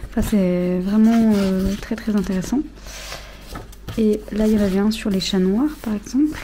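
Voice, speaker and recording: A young woman in her twenties chatting casually about books in a vlog, with many fillers and soft, half-whispered asides. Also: mid-range voice, moderate pace, a little hiss or hum. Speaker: vlogger. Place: outdoors near road traffic.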